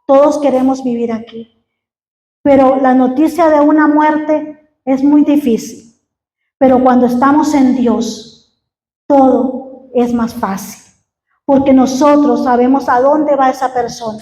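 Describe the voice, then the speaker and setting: A middle-aged woman giving an earnest testimony as a sermon, halting and restarting often. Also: sits high, steady tone, warm tone, echoey room, lo-fi sound. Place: church hall.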